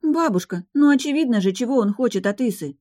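A woman's voice: lively intonation, brisk, mellow, no room sound, studio quality, close to an everyday voice. A woman reading the part of an indignant young noble girl, raising her voice in protest. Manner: high, protesting, emphatic.

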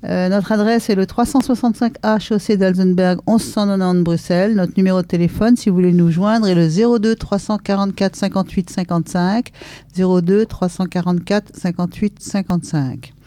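A radio show host introducing a live broadcast and its guests from a studio, talking hesitantly with many filler pauses. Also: medium pitch, steady tone, dark tone, no echo.

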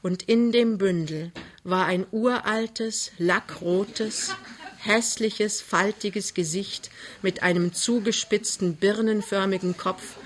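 A woman's voice: medium pitch, slow pace. Woman reading a novel with feeling. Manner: expressive, voices the characters with feeling. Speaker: narrator.

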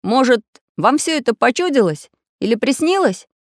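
Woman doing a commanding little iron man for a storybook, loud, raised pitch, dry close sound. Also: big pitch swings, moderate pace, dry recording. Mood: stern. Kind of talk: storybook narration.

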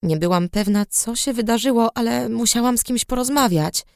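A woman reading a novel aloud in first person, in a subdued, low-key storytelling manner. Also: normal speed, vocal fry, a little mellow, no room sound, clean studio sound. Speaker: audiobook reader. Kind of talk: first-person scripted narration.

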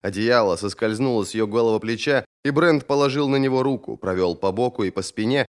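A man narrating an audiobook with expressive, dramatic delivery. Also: medium pitch, brisk, clean tone.

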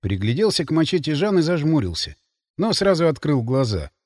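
A man narrating first-person fiction in an expressive, dramatic reading. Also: on the high side, fairly quick, dry recording, studio quality. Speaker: audiobook narrator.

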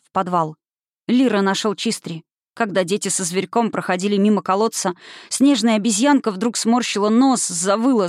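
An audiobook narrator reading a fantasy novel in a steady, even storytelling voice, close to the mic. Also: mid-range voice, no echo.

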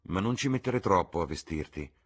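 A man reading a novel aloud, voicing a gruff, brooding young man who speaks bluntly and grumbles. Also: low voice, animated, moderate pace. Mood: sullen.

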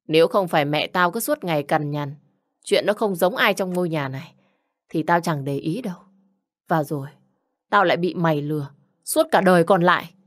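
A woman reading a storybook, voicing an angry, jealous young husband who shouts insults and accusations. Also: lowish voice, normal speed, lightly acted. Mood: furious. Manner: shouting insults, coarse and bullying.

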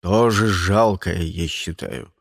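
A reader voicing a meek, slow-witted henchman who mumbles and complains in a storybook reading. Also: sits low, vocal fry, no echo, studio quality, pitched below the performer's own voice, full character voice. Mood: grumpy. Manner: mumbling, sulky.

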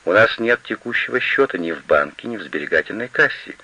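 A man's voice: lowish voice, animated, a little fast, bright, forceful tone, exaggerated voice. Man voicing a stubborn, gloomy young manager. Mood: firm. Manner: terse and unyielding. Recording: slightly lo-fi recording.

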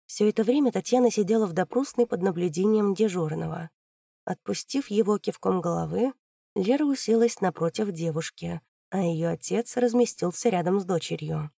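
A woman narrating a crime novel audiobook in an even, measured way. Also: mid-range voice, creaky, no room sound, studio quality.

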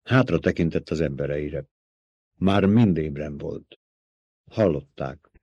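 A man narrating a novel as an audiobook in an expressive storytelling manner. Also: a bass voice, slightly rough, no room sound, muffled recording.

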